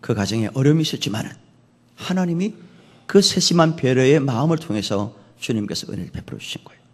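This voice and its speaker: A man pastor preaching an animated sermon that acts out dialogue, in a long-reverb church. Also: mid-range voice, fast talker.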